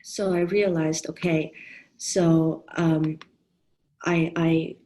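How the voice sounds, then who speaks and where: A woman's voice: low-pitched, little pitch movement, drawn-out words, dark tone, poor audio. A woman in her thirties who grew up in Germany, giving an online talk on parenting to fellow coaches, thoughtful, with frequent fillers and restarts. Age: 30s.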